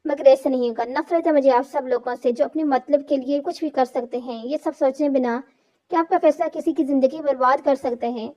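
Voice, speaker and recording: A woman's voice: high-pitched, steady tone, brisk, mellow, natural voice. A woman voicing a proud young woman who is bitter and heartbroken, reproachful and tearful in an audiobook reading. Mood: furious. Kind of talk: reading an Urdu romance novel aloud. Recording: dull lo-fi recording.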